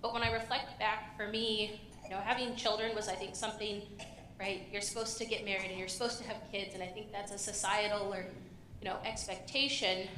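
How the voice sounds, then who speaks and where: A woman's voice: mid-range voice, little pitch movement, brisk, sharp tone, slight background noise. A woman in her thirties speaking thoughtfully as a panelist at a church event. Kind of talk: reflective panel sharing. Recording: echoey church hall.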